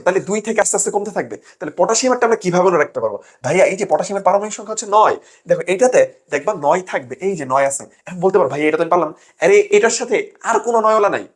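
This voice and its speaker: A young man gives an exam-prep lesson at a rapid clip. His voice sits high. He keeps hammering each point home and checks in again and again that the students are keeping up. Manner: rapid, emphatic, keeps asking "ঠিক আছে?". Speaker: admission test tutor.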